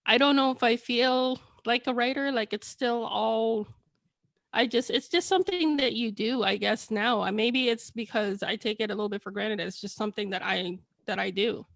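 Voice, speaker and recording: With a gravelly voice on the high side at a normal speed, a woman author guest rambles candidly through her story over a video call. She first spoke a Chinese dialect and Tagalog. The casual chat is recorded without echo.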